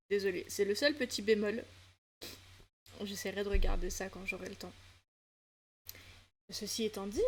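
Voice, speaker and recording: A woman's voice: mid-range voice, a little hiss or hum. A woman from south-west France chatting casually as a streamer, with a loose flow full of fillers and restarts. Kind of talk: casual livestream chat.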